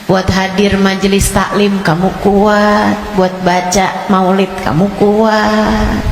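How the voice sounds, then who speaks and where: A woman preacher giving a sermon, urging her listeners with impassioned, repetitive exhortation that often rises to shouting. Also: mid-range voice, a little hiss or hum. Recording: echoey hall, long reverb, faint music.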